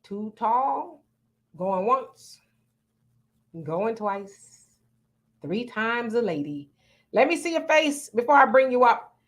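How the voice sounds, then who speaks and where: Speaking slowly with long pauses, this livestream host has a sing-song voice on the high side. She reads viewers' comments aloud and responds with frank, playful chatter.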